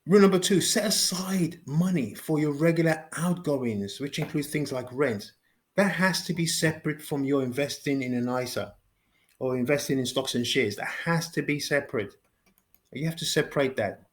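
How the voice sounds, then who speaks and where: A man talks viewers through the basics in a casual lesson, his voice sitting a little high. He restarts phrases, repeats key words for emphasis and ends points with a quick "okay?". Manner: repeats himself, says "okay?" after points. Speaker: finance educator. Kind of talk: informal explainer video.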